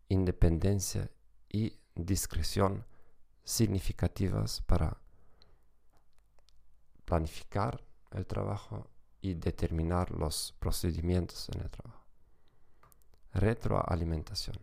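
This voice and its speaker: Podcast lecturer, male, German accent, notably deep with heavy vocal fry, reading educational script carefully phrase by phrase. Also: a little slow, darkish tone. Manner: non-native, careful phrase-by-phrase delivery. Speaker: psychology podcast host and lecturer.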